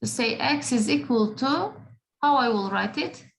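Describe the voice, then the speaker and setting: A woman's voice: a little high, animated, measured pace, creaky, rough recording. A woman teaching a math class, patient, often checking in with the students. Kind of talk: classroom lesson.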